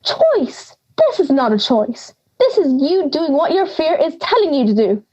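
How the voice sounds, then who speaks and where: In an audio drama, a young woman voices a feisty, blunt ninety-year-old granny who lives in the woods, scolding and sarcastic with an urging tone. Her voice is high, sing-song, unhurried and warm, with lo-fi sound.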